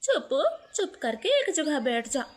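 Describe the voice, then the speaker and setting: A woman's voice: high-pitched, very animated, measured pace, a little hiss or hum. A woman voicing a poor female crow maid in a storybook cartoon, speaking deferentially and earnestly. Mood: humble.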